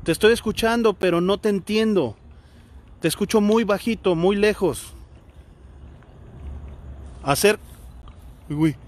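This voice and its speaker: A Mexican man on a ghost-hunting vlog, talking in a hushed, jumpy way and calling out to spirits in a cemetery at night. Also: sits high, measured pace, pauses often. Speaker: paranormal investigator vlogger.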